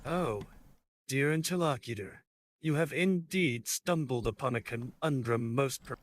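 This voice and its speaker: A man's voice: mid-range voice, measured pace, background noise, lightly acted. A text-to-speech man voicing a pompous chatbot. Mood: grandiose. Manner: ornate, archaic, lecturing speech. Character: pompous flowery male chatbot, grandiose and theatrical.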